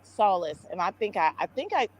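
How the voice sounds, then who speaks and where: A woman with a medium-pitched, creaky, animated voice speaks fairly quickly on poor audio. She gives casual religious testimony in Rasta speech, exclamatory and rambling, repeating her words and using "ites", "overstand", "big up" and "brethren".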